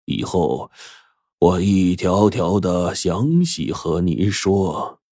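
A man's voice: sits low, warm tone, no room sound, studio quality, heavily acted. A man voicing a stern old sorcerer master. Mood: solemn. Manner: slow, weighty admonishing delivery. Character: stern elderly male master sorcerer, grave and slow.

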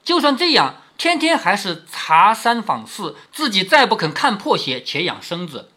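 A man voicing a discreet young maid who sighs and confides in hushed tones. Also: high-pitched, sing-song, moderate pace, full character voice. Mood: sighing confiding. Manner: sighing, hushed.

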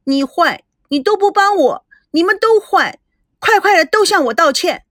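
A woman voicing a spoiled, bratty young woman in a storybook reading, whiny and prone to loud tantrums. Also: sits high, very animated, a little slow, no room sound, clean studio sound, full character voice. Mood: wailing. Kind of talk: storybook voice acting.

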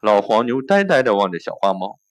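A male host tells a story in a friendly, measured way. His voice sits a little low. He narrates at an even pace.

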